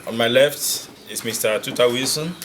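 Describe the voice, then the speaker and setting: A man heading a delegation, introducing his colleagues one by one with frequent pauses. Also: mid-range voice, heavy background noise. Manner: hesitant, with frequent ums and uhs. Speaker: delegation head. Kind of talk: formal self-introduction.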